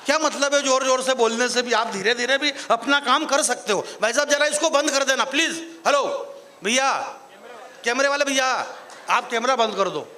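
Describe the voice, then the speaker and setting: Onstage before a live audience, a comic poet from Marwar in Rajasthan trades jokes with the crowd and then rises into declaiming verse, as in a stand-up poetry recital. His voice is very high, pushed and bright, at a normal speed, with slight background noise.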